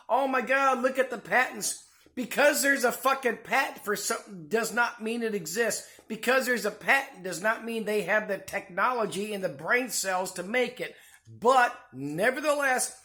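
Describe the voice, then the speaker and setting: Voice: medium pitch, sharp tone. A channel host giving a rambling, profane commentary rant from indoors at home, angry and full of restarts. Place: house, indoors.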